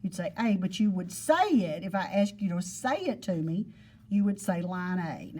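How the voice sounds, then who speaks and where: A woman's voice: on the low side, lively intonation, normal speed, dark tone, slightly rough. A woman teaching geometry to a class, explaining patiently and repeating points with everyday examples. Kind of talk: classroom lesson. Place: classroom with students.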